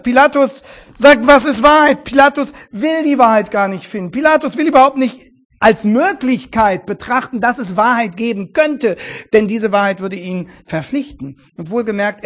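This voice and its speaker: A man preaching a sermon in an earnest, emphatic way, often repeating words for stress and shifting between quiet and loud. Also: extremely high pitch, normal speed.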